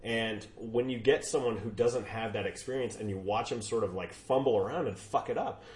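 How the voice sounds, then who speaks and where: A man hosting a podcast, telling stories in an animated, swearing, casual way. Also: on the low side, moderate pace, reverberant. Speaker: podcast host.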